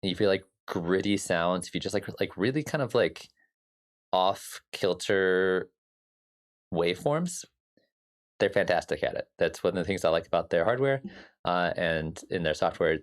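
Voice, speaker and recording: A low-pitched man with a somewhat scratchy voice hosts a casual music production livestream. He rambles freely with plenty of fillers, greeting chat viewers by name and answering their comments.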